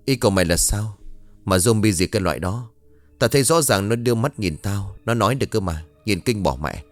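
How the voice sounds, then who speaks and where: A man's voice: on the low side, animated, brisk, dry recording, faint music behind, close to an everyday voice. A man voicing a brash young man who swears freely and speaks bluntly. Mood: agitated. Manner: crude, swearing, brusque.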